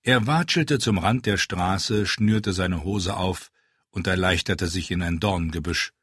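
A man narrating an audiobook in German, reading scripted narration with expressive storytelling. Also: low-pitched, unhurried, breathy edge, dry recording, studio quality.

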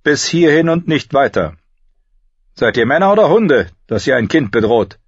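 A man's voice: medium pitch, sing-song, husky, no room sound, pitched above the performer's own voice. A man doing a proud old fencing master. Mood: defiant. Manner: measured, instructive cadence. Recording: dull lo-fi recording.

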